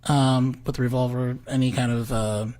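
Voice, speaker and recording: A man's voice: medium pitch, flat delivery, normal speed, darkish tone. A man testifying as a medical examiner in a courtroom recording, giving brief, careful answers under questioning.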